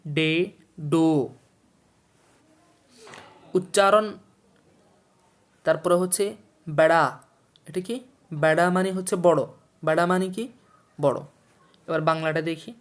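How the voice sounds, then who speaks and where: A male language teacher from Bangladesh talks through a textbook lesson at a steady, patient pace. He says each new word, gives its meaning, repeats both, and keeps asking his viewers questions to check they follow. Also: high-pitched. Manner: explains slowly, repeats words and meanings, quizzes the listener. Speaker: Urdu teacher. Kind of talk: textbook lesson for a video series.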